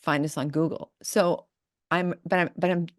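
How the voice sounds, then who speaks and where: A woman's voice: fairly low pitch, fairly even intonation, normal speed, dry recording, studio quality. A woman hosting a podcast, chatting casually and rambling with frequent restarts. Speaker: podcast host. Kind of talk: casual interview chat.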